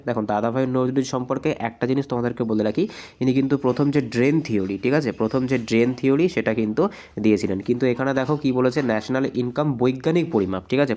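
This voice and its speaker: Hoarse male exam coach. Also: mid-range voice, darkish tone. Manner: explanatory, repeats "ঠিক আছে?" often. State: hoarse from a cold. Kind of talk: exam practice lesson.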